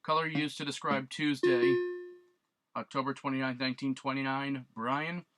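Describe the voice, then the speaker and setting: A man with a mid-range voice keeps a steady tone and normal speed as he casually comments on a retro quiz game, reading clues aloud and joking about his guesses. He's a let's play gamer, and loud beeping chiptune music plays behind him.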